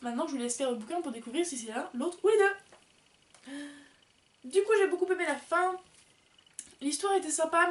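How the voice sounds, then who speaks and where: High-voiced chatty woman in an echoey room. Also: far from the mic. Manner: chatty, rambling, with many fillers. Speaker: book vlogger. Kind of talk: casual book review chat.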